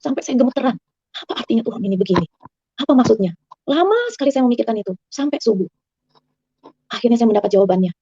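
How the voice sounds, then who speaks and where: Woman, earnest rapid testimony, warm low-bright tone, dry slightly muffled sound. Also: husky, no echo. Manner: fast, earnest storytelling that rises high and excited. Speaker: guest giving a personal testimony. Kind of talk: emotional spoken testimony. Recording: slightly dull, dry recording.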